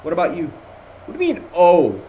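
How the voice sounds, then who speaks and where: His high-pitched voice swoops wildly and runs a little fast, with a mellow quality. He's a young Jordanian man with an American accent, a student lecturer rambling casually during an online review session over a voice call, chatty with plenty of fillers and restarts. The computer-mic recording is rough, with slight background noise.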